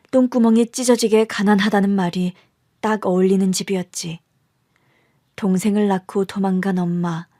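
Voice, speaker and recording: A woman voicing a middle-aged birth mother who softly confides the story of her hard past. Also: medium pitch, dry recording, studio quality, natural voice.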